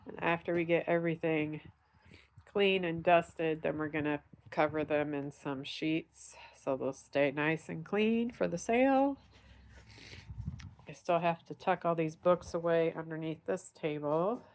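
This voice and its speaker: A woman's voice: low-pitched, gravelly. A middle-aged woman, congested and nasal from dust, chatting to viewers on her vlog while she works in a barn. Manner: chatty, upbeat, talking to viewers while working. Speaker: vlog host. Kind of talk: casual vlog narration. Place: dusty barn in the country.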